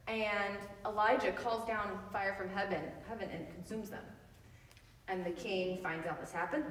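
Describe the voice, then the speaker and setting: A woman leading a Bible study in a casual, chatty way, full of loose asides and quick laughs. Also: lowish voice, fairly bright tone, roomy sound, long reverb tail, recorded from a distance, poor audio.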